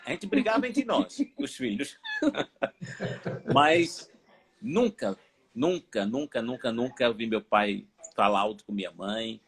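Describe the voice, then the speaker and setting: Middle-aged male pastor, emphatic storyteller, lively pitch, mid-range voice. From Aracaju, Brazil. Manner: animated storytelling, emphatic repetition. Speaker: pastor, guest. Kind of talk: personal testimony in a live interview.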